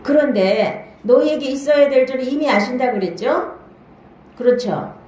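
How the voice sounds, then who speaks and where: A woman pastor with a high-pitched, lively voice speaks at a moderate pace, her tone a little mellow. Preaching a Bible-study sermon in a church hall, she often questions her listeners and checks they're following, opening each new point with a short "now then".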